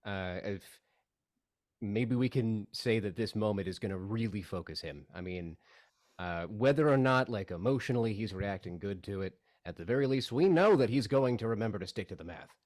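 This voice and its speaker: A man voicing a laid-back, scheming male Magician who talks in a relaxed, persuasive way. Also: fairly low pitch, moderate pace, natural voice.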